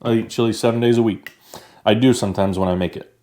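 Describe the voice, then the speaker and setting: A fairly low-pitched, mellow voice belongs to this US vlogger, who talks fast in a steady tone. He's easygoing, chatting casually while eating and tasting new foods.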